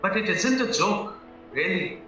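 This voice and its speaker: In a stage-style audio drama, a man plays a naive, anxious young husband accused of murder, pleading earnestly and rambling through his protests. His acting voice is high, bright, forceful and exaggerated, animated yet unhurried. The recording is very echoey, muffled and distant, with music underneath.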